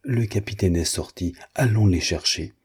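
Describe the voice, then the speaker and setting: A man's voice: sits low, normal speed, darkish tone, husky. A man reading aloud, voicing a simple, tearful older woman who pleads meekly. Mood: confiding. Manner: pleading, meek.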